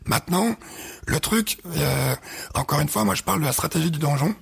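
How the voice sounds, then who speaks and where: Very gravelly, raspy-voiced man. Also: on the high side, expressive, a little fast. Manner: hesitant, many fillers, uses images to explain. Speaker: podcast co-host. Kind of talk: casual podcast chat.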